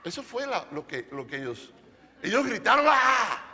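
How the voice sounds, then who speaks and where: A man's voice: sits high, very animated, moderate pace, bright, forceful tone, long reverb tail. A male pastor preaching a sermon to a congregation, emphatic and playful, often asking them questions. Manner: playful, jokes with the audience. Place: church service.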